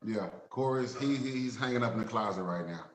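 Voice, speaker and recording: A man's voice: lowish voice, fairly quick. Earnest Dallas man in a roomy echo. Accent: Southern US, Dallas. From Dallas, Texas. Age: 30s. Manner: repetitive, streetwise, earnest. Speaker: author guest. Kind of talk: casual interview talk. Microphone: video call.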